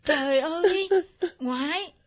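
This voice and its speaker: Tearful young daughter, high voice, muffled old recording. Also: female voice, slow. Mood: puzzled. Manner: tearful, pleading. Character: young woman, grieving daughter. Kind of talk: radio drama acting.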